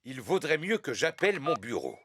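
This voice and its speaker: A man's voice: mid-range voice, huge pitch swings, moderate pace, background noise. A man voicing a bumbling, good-natured daddy pig in a children's cartoon, hesitant and a little proud of himself. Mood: flustered, mild.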